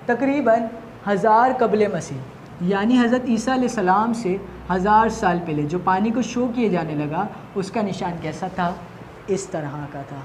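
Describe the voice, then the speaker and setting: A woman's voice: mid-range voice, a little mellow. A woman teacher from Pakistan with a Pakistani Urdu accent, giving a recorded lesson to children, asking questions and answering them herself. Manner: asks questions and answers them herself, repeats key points. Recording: faint background noise.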